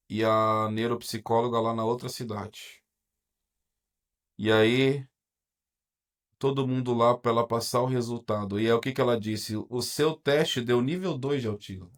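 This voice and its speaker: A man's voice: medium pitch, steady tone. A Brazilian man with a Brazilian Portuguese accent, a guest in an interview, telling his own story in a candid, reflective way, hesitating and restarting often. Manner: halting, hesitant, frequent restarts and pauses. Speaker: podcast guest, teacher.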